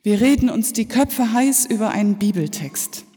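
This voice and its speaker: A middle-aged woman pastor giving an Easter sermon, telling stories slowly and reflectively with pauses. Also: on the high side, lively intonation, warm tone, slightly rough. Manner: slow, reflective storytelling with pauses. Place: church. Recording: reverberant church hall.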